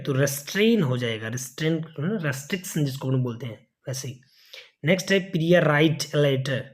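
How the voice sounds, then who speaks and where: A man, walking through exam questions one at a time, reading each prompt slowly and then explaining the answer. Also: mid-range voice. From India. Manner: reads English prompts slowly and deliberately. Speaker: exam prep teacher. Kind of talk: exam question walkthrough lesson.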